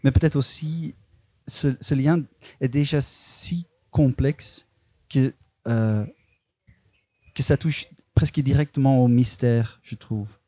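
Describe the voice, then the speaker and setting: A male filmmaker answers interview questions in a language that isn't his first, and his first language is not French. He is hesitant, restarting and searching for words, in a steady, slow, medium-pitched voice with a dark tone and no echo.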